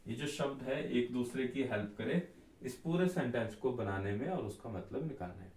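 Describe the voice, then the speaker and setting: A man teaching an Ayurveda class, explaining slowly and repeating the key terms. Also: medium pitch, lively intonation, darkish tone, far from the mic. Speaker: Ayurveda tutor. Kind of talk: classroom lecture. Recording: echoey room, voice off-mic.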